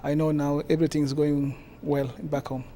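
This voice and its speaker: A man from South Sudan with a South Sudanese accent, answering interview questions haltingly with many pauses. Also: fairly high pitch, level tone, dark tone, a little hiss or hum. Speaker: guest, community association president.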